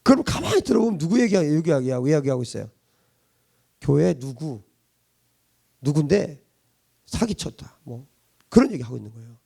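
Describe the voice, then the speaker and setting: Male pastor, sermon voice, lively high-pitched delivery, husky and gravelly. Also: moderate pace, long pauses. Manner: emphatic preaching with rhetorical questions, swinging between loud and hushed. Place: church congregation.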